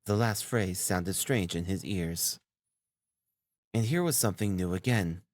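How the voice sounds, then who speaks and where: A man reading a novel aloud as an audiobook narrator, in a measured, even delivery. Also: sits low, dry recording.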